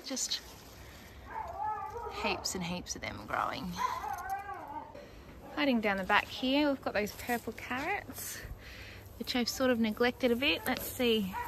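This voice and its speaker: Her voice on the high side, a woman in her thirties with an Australian accent walks through her backyard vegetable garden, filming on a handheld phone and chatting casually with fillers and small laughs. The gardening vlogger is heard over a noisy background.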